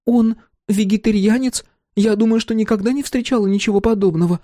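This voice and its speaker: A man's voice: sits high, fairly even intonation, brisk, dark tone, no echo, studio quality, pitched above the performer's own voice, natural voice. A male audiobook reader voicing an earnest, gushing woman who defends the hero and searches for her words.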